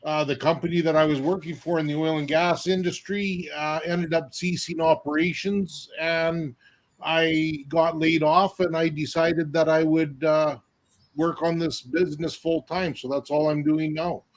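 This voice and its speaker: A man from Canada speaks as a guest on an online panel. He talks plainly and matter-of-factly. His voice sits a little high for a man. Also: little pitch movement, a little slow, low-quality recording. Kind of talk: casual talk on a video call.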